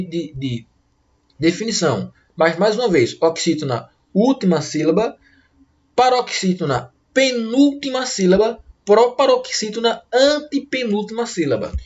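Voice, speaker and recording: Um professor dando uma aula de gramática, falando devagar, repetindo as explicações e alongando as palavras de exemplo. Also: male voice, high-pitched, a little mellow, lo-fi sound. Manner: slow, repetitive, stretches out example words. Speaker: teacher. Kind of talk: grammar lesson.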